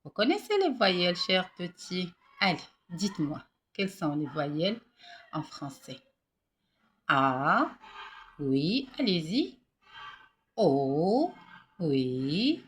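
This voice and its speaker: A woman teaching a reading lesson to young children. She coaxes them gently and sounds out syllables slowly and one by one. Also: fairly low pitch, very animated, slight background noise. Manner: warm, coaxing, repeats syllables slowly for children. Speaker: primary school teacher.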